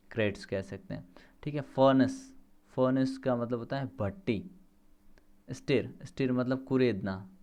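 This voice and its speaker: A man's voice: mid-range voice, a little mellow, smooth. A male teacher with an Indian English accent runs through a vocabulary list, stressing each new word and then explaining it plainly. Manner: spells words out letter by letter.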